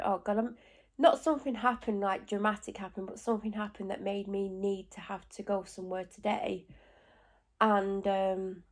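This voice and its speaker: In a mid-range, darkish voice thick with a cold, a woman vlogs casually at home. She sounds stuffy and congested, and her talk wanders, packed with asides and self-corrections.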